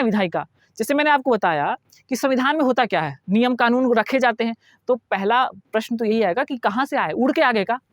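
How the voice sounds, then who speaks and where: A man's voice: extremely high pitch, fairly bright tone, no echo, studio quality. A man teaching a lecture, explaining step by step, repeating key words and asking his students questions. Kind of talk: classroom lecture.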